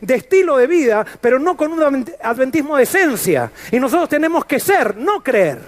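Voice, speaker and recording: A man's voice: extremely high pitch, very animated, fairly quick. A male pastor preaching a sermon in an earnest, emphatic way, asking the congregation rhetorical questions. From Latin America.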